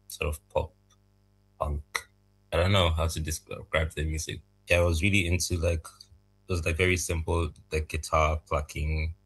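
A young man from Zambia, raised in Malawi, answering interview questions about making music in a soft, thoughtful, halting way. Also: rumbling low, slightly rough, poor audio. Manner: soft-spoken, thoughtful, halting, laughs lightly. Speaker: music producer, guest.

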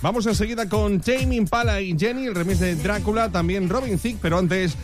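Man, morning radio host, high voice, playful, music underneath. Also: fairly quick. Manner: upbeat, playful, sing-song greetings.

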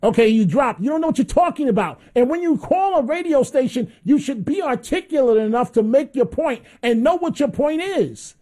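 A man's voice: extremely high pitch, lively intonation, normal speed, few pauses, dark tone. A man hosting a call-in radio show, giving opinionated commentary and pressing callers impatiently.

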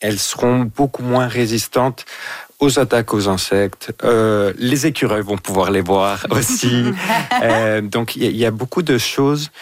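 A man's voice: mid-range voice, unhurried, no room sound. A man from Mexico, a gardener guest on a radio interview, easygoing and hesitant with many fillers.

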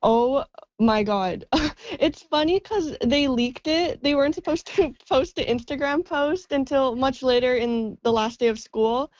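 A woman's voice: high-pitched, a little slow, darkish tone, no room sound. A young woman, a student, chatting in a radio interview and filling her talk with "like". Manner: chatty, laughs between words, says "like" a lot. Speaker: journalism student. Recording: dry, dull lo-fi sound.

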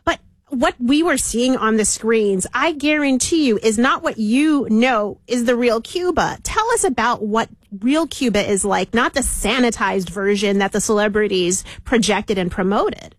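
A woman's voice: on the high side, lively intonation, measured pace, no echo. A woman hosting a talk show, introducing and questioning her guest in an emphatic, persuasive way.

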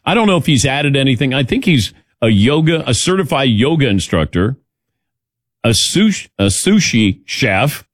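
A male radio host gives casual, opinionated sports talk, his pitch swinging widely and his delivery wry and very animated. He speaks at a moderate pace with a slightly rough voice, recorded dry and close with no room sound.

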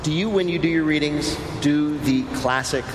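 An American man hosting a casual, joking live interview, sometimes halting and repeating the starts of words. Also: fairly high pitch. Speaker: host interviewing a guest on a comedy radio show. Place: live show on stage in a hall. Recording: echoey hall, audience and noise behind.

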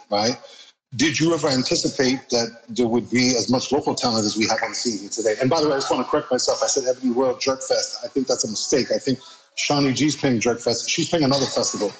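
Measured male radio host. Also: mid-range voice, a little hiss or hum, low-quality recording. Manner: measured, asks long framing questions. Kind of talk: radio interview.

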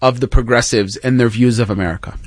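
A man's voice: mid-range voice, fairly even intonation, fast, no room sound. Declarative male political guest, dry sound. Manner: declarative, repeating phrases for emphasis. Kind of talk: political talk show interview.

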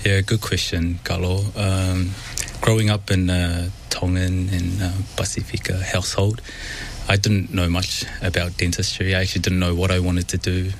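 A man with a New Zealand accent, a dentist speaking as a guest in a radio studio interview, thoughtful and halting with many pauses. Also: low voice, flat delivery, slight background noise.

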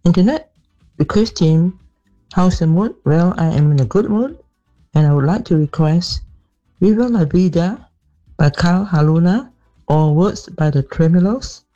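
A woman's voice: lowish voice, measured pace, warm tone, soft background music. A woman in a recorded voice message played on the radio, politely reading out her song request and a long list of dedications. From Malaysia. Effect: voice message played over the radio. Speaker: radio listener sending a request. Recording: dull, lo-fi voice note.

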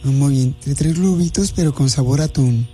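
A brash, flirty woman purrs down the line, all crude teasing and pet names, played by a man putting on the voice. Her tone dips low and sultry as she keeps things playful. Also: fairly quick, warm tone, slightly rough, soft background music, close to an everyday voice.

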